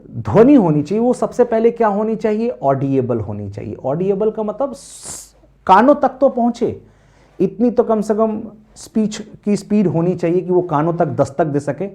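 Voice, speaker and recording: A man's voice: fairly high pitch, warm tone. A young man, lecturing as a teacher preparing students for a teaching exam, asking questions and answering them himself.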